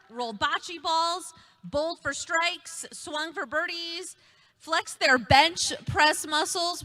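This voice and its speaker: A woman emcee with a high, bright voice leads the ceremony. She speaks with an upbeat, energetic announcer drive, cheering on the athletes. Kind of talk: upbeat event hosting.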